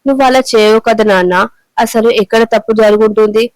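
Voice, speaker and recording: Woman doing a worried son gently asking his dad what's wrong, smooth even voice. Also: on the high side, a little fast, no room sound, natural voice. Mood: concerned. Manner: gentle, questioning. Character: concerned grown son asking his father.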